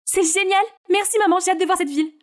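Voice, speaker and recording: A woman voicing an excitable younger teenage sister, eager and pushy. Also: very high voice, quick pace, pitched above the performer's own voice.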